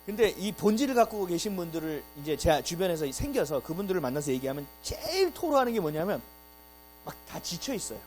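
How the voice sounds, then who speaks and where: A male pastor giving an animated Sunday sermon, full of rhetorical questions and acted-out quotes. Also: sits high, fast talker, faint music behind, rough recording. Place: church sanctuary.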